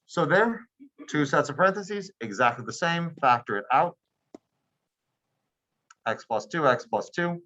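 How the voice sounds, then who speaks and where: A man's voice: fairly high pitch, expressive, a little slow, pauses often, sharp tone, lo-fi sound. A man teaching a math class, explaining steps patiently and often asking if students follow. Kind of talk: classroom lecture.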